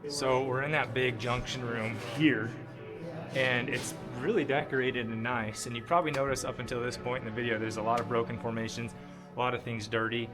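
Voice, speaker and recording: A man's voice: mid-range voice, steady tone, a little fast, over music. A man speaking informally and explaining things as he guides viewers through a cave for a vlog. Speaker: caving guide and video host. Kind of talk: casual vlog narration while exploring. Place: inside a cave.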